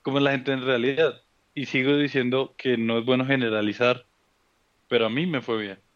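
A man from Colombia with a Bogotá accent, a guest casually telling travel stories in a relaxed way with many fillers. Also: medium pitch, moderate pace, no echo, muffled recording. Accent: Bogotá Colombian (rolo). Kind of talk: casual interview conversation.

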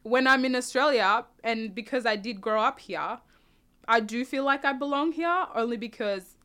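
A young woman from South Sudan, answering interview questions in a relaxed, reflective way, often restarting and adding "you know". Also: fairly high pitch, normal speed, smooth. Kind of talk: casual conversational interview.

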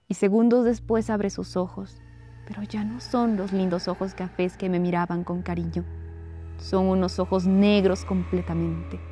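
Woman narrator, somber audiobook reading, hushed and slow, mellow voice. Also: mid-range voice.

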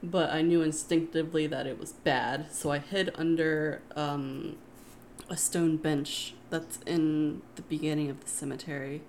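A woman co-hosting a podcast, chatting casually and telling a personal story with wry, quick asides. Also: low voice, a little hiss or hum. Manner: relaxed and wry, quick asides, laughs often. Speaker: podcast co-host.

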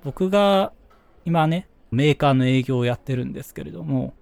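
A young man with a Kansai accent, chatting casually as a podcast co-host, musing with quick asides. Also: medium pitch, creaky, darkish tone, dry recording. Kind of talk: casual chat.

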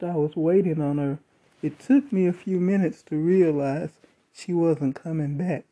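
A storyteller calmly recounting a first-person eerie encounter with measured pauses. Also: medium pitch, slightly rough. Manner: slow, measured retelling with dramatic pauses.

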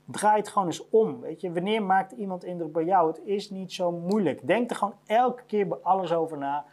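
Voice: medium pitch, moderate pace, a little mellow. A business owner giving a blunt motivational monologue about career advice, repeating each point to hammer it home.

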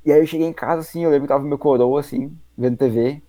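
Dude, dark mellow voice, slangy rambling podcast storytelling. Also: male voice, a little high, steady tone, quick pace, no room sound. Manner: slangy, rambling, lots of fillers. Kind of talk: casual storytelling chat.

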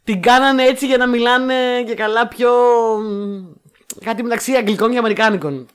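A woman co-hosting a casual podcast, chatting about films in an animated, sarcastic way and acting out lines she quotes. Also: on the high side, smooth. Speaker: podcast co-host. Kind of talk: casual chat reviewing films.

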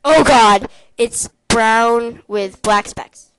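A woman's voice: on the high side, very slow, a bit bright, poor audio. A woman chatting casually through a gross jelly bean taste challenge, giggly and squeamish. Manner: giggly, squeamish, lots of laughing. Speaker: co-host.

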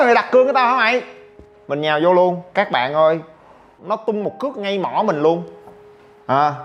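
A man from Vietnam hosts a podcast and tells a story in a casual monologue, with a fairly high voice. He stays animated, exclaims often and acts out what others said. Soft music plays faintly behind him. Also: muffled recording. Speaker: podcast host.

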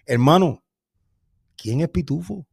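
A man's voice: a little high, lively intonation, takes it slowly, vocal fry, a little mellow, slightly rough. A man with a Cuban accent co-hosting a boxing show, insisting on his point and repeating himself in a heated casual debate.

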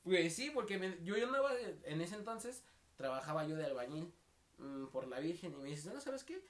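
A man's voice: a little high, expressive, moderate pace, a crowd in the background. A young man with a Mexican accent, co-hosting a casual podcast and telling anecdotes with slang, acting out the voices of the people he quotes. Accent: Mexican Spanish. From State of Mexico. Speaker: podcast co-host.

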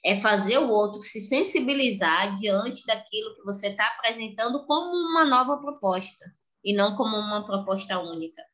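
A woman hosting a casual chat, telling an animated, expressive story with frequent laughter. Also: mid-range voice, moderate pace, lo-fi sound. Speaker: podcast host.

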